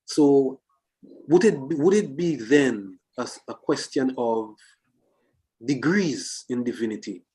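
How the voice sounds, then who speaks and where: A man reasoning philosophically in a discussion, speaking deliberately phrase by phrase and posing questions. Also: medium pitch, animated, warm tone, poor audio.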